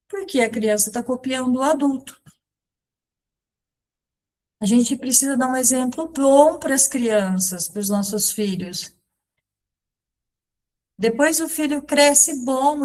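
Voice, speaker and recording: A woman in her thirties giving a catechism lesson, explaining slowly and simply with many pauses and everyday examples. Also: on the high side, darkish tone. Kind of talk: catechism lesson, spoken alongside sign language.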